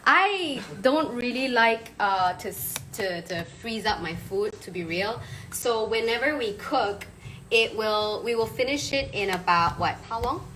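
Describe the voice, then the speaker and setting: A woman chats casually in a home kitchen. Her voice sits slightly high, and she reads viewer comments aloud. Faint room noise is heard behind her. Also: expressive, a little slow, a bit bright, echoey room, recorded from a distance, poor audio. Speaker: co-host. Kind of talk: casual live chat.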